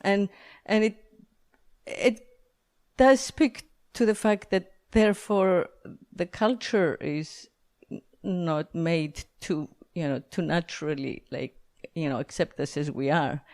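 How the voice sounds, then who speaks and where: A Greek woman hosts a podcast interview in a slow, rather low voice with a darkish tone. Her talk is casual and rambling, filled with frequent fillers and laughter.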